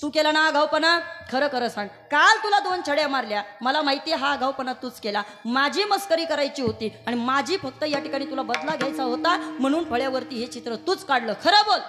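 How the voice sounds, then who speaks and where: Stern angry male schoolteacher in a spoken sermon story, shrill and loud, put on by a woman preacher. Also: expressive, fairly quick, big-room sound, soft background music. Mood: angry scolding. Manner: shouting, scolding accusations.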